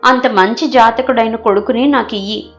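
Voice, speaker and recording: A woman's voice: a little high, normal speed, lo-fi sound, faint music behind, lightly acted. A woman voicing a clever young palace maid who pleads and wails dramatically in a storybook. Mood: pleading. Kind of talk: storybook character voice.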